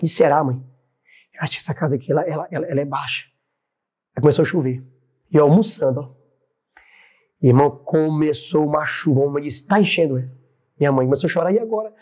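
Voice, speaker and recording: Husky-voiced pastor telling a lively story. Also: male voice, fairly high pitch, quick pace, long pauses. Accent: Brazilian Portuguese. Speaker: pastor and church president, podcast guest. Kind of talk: storytelling testimony in a faith podcast.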